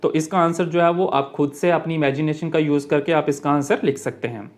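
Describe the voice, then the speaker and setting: Higher-voiced man teaching an English lesson. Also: steady tone. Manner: reads English lines slowly, explains in Hindi with fillers. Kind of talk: online classroom lesson.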